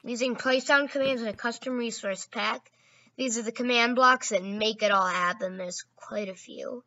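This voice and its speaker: Woman, gaming host, casual narration, self-correcting, bright voice, muffled lo-fi recording. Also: on the high side, moderate pace, no echo. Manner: chatty, corrects herself mid-sentence.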